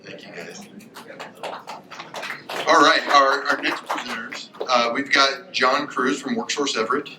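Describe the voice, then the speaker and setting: A man's voice: measured pace, pauses often. A man acting as event moderator, informally introducing presenters. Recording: echoey room, distant mic, faint rumble.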